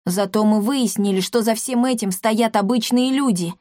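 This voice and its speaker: Woman doing an excitable young inventor boy. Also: fairly high pitch, moderate pace, dry recording, studio quality, natural voice. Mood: excited. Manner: eager, exclaiming.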